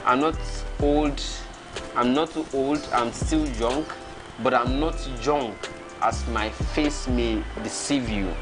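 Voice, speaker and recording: A man's voice: mid-range voice, slow pace, over music. A Nigerian man in his thirties, hosting a casual livestream and reading out viewer comments, chuckling and reacting as he goes. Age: 30s.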